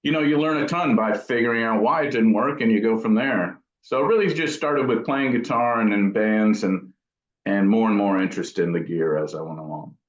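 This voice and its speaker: A middle-aged amp builder answers interview questions in a lowish voice at a fairly quick pace. He's casual and thoughtful, hesitating as he reminisces, and the recording sounds roomy, dull and lo-fi.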